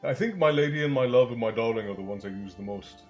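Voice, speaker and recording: His mid-range voice is husky and quick as he hosts a livestream, keeping the chat casual and jokey and greeting viewers by name. Some congestion lingers, along with a bit of a chesty cough. Soft music sits in the background.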